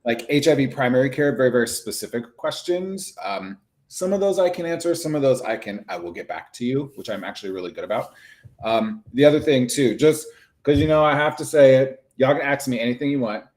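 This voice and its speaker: Chatty, animated man talking freely. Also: mid-range voice, fairly quick. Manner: chatty, animated, lots of "like" asides. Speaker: HIV clinician and advocate. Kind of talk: casual live-stream conversation.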